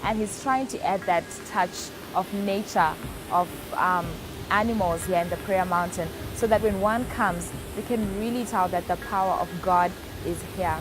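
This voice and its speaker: A woman guiding viewers through a church prayer site, narrating in a steady, reverent, explanatory way. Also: medium pitch, moderate pace, hardly any pauses, background noise. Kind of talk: documentary narration. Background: music.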